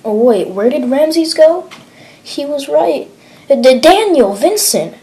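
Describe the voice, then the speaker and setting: Lady voicing nervous soldier guy on the radio, shaky and rushed. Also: sits high, expressive, dark tone, voice pushed up, full character voice. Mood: panicked. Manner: shaken, hurried radio reports. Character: nervous male soldier leading a squad.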